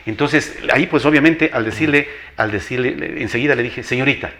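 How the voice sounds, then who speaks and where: This veteran teacher, an older Ecuadorian man, shares stories as an interview guest with a powerful voice like a radio announcer's. His delivery is fairly quick and emphatic, full of repeated phrases and acted-out exchanges, at a medium pitch with a fairly bright tone. A little hiss or hum sits under the recording.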